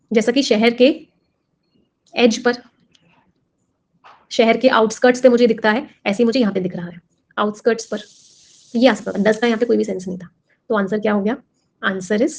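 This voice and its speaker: A woman's voice: fairly high pitch, gravelly, darkish tone. A woman teaching vocabulary for exams, explaining in Hindi with terms and constantly quizzing her students. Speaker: English teacher for exam prep. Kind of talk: classroom lesson.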